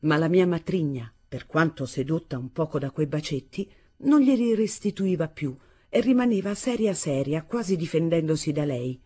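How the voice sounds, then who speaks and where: A woman reading a novel aloud as an audiobook narrator, in a measured, expressive way. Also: sits low, slightly rough. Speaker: audiobook reader.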